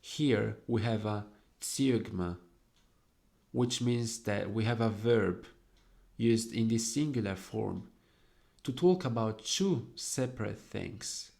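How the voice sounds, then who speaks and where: A young man slowly explaining the devices in his own poem, lingering over each quoted verse word. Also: fairly low pitch, vocal fry, a little mellow. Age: young adult.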